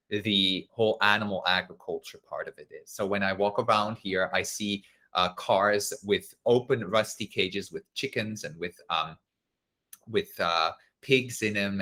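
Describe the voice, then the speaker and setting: A Swiss man hosts a live-streamed online masterclass, reading out viewer comments in a casual, chatty way with lots of fillers. His voice is low but bright, and he laughs easily.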